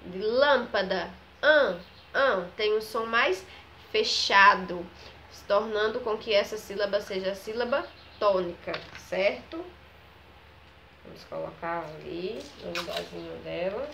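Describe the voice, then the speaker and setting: A woman, teaching a children's grammar lesson. She talks slowly, stretches out each example word, and keeps checking in with the class. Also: medium pitch, gravelly, a little hiss or hum. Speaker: primary school teacher.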